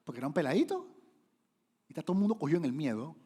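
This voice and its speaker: Male pastor, slightly high voice, lively preaching with sudden loud bursts. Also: racing, husky. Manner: lively, animated preaching with sudden loud rises and acted-out quotes. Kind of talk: sermon.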